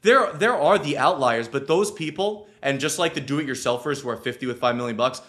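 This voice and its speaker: A man's voice: mid-range voice, a little fast, a bit bright. A man speaking as an advisor, explaining things casually and emphatically. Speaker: financial advisor guest.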